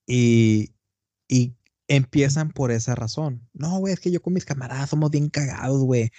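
A man with a northern Mexican accent hosting a podcast in casual chat, rambling and animated, dropping slang constantly. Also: mid-range voice, moderate pace, no room sound. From Tamaulipas, northern Mexico. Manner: rambling and animated, slangy, peppers lines with "güey". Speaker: podcast host.

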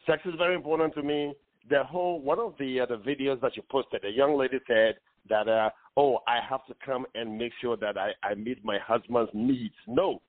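A man in his forties from Ghana, calling in to a radio talk show, speaking earnestly with many pauses and fillers. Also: mid-range voice, dry recording. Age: 40s. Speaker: caller. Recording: tinny phone line.

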